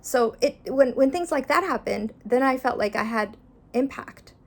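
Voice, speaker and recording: In an interview, this middle-aged journalist from Afghanistan answers reflectively, earnest and thoughtful, with occasional fillers. She has a high-pitched voice with lively intonation and talks at a moderate pace.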